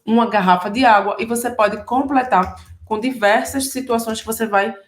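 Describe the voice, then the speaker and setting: A woman with a Pernambuco accent from Brazil, teaching French in Portuguese and carefully modeling slow French pronunciation. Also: a little high, steady tone, roomy sound. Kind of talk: bilingual French lesson.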